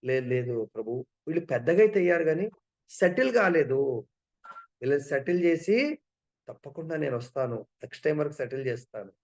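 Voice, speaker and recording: A man's voice: on the high side, lively intonation, fairly quick, a little mellow. A man voicing an attached old householder who keeps making excuses. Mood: pleading.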